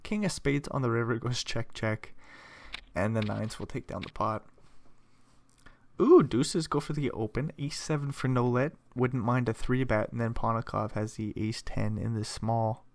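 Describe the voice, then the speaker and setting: A young man with a gravelly voice of ordinary pitch talks through poker hands one by one. He is relaxed and chatty and thinks aloud, and now and then he breaks off for a playful aside. Hiccups and yawns keep catching him as he talks. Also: moderate pace, no echo. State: hiccuping and yawning. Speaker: poker commentator. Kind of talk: solo play-by-play commentary.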